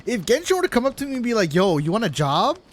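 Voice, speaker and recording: This man's very high voice swings hugely in pitch as he talks fast, with a little hiss or hum on the recording. He's live-streaming gameplay from his gaming setup, chatting casually with viewers in a slangy, teasing way with some swearing.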